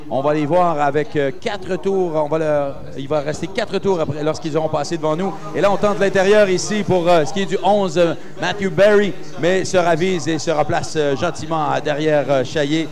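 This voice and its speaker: A man's voice: fairly high pitch, creaky. A man giving live motorsport commentary, hesitating with frequent filler sounds between phrases.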